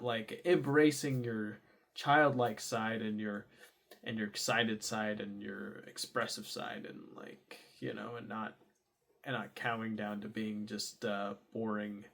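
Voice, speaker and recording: A young man talking casually in a diary vlog, rambling with many fillers and restarts, sometimes bursting into loud high exclamations. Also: creaky. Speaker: vlogger.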